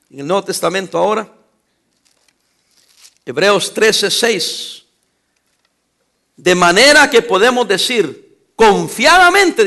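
A man's voice: sits high, bright, forceful tone. A male pastor preaching a sermon, emphatic, posing call-and-response questions to the congregation and making teasing, scolding asides.

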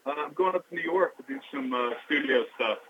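A man's voice: a little high, fairly quick. A man giving sports analysis as an interview guest, calling in by phone from a train. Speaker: sports TV sideline reporter and guest. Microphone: phone call from a moving train. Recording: dull, noisy phone line from a train.

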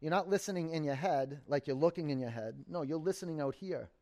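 Unhurried man guiding yoga and meditation. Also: on the high side, warm tone. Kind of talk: guided yoga and meditation instruction.

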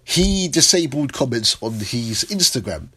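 A man's voice: medium pitch, unhurried, slightly rough. London man with roadman slang, hosting. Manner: London roadman slang, animated street-talk delivery. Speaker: host. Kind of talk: casual football talk show discussion.

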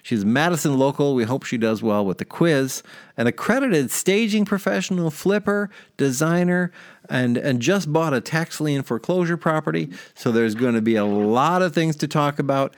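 A man's voice: fairly high pitch, moderate pace, no echo, clean studio sound. A man hosting a podcast in casual chat, talking in a chatty, rambling way with fillers. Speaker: podcast host.

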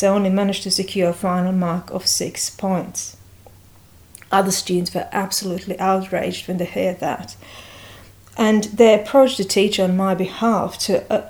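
With a medium-pitched, slightly mellow voice, a middle-aged senior lecturer from Bosnia reads a prepared account of her own story. She speaks in a measured way, hesitating occasionally, and her first languages are Serbian and Croatian.

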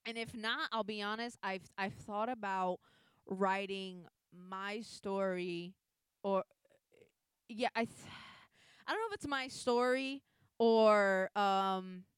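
Young woman, very smooth clear tone, dry close sound; loose rambling chat with casual swearing. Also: mid-range voice, takes it slowly, dry recording.

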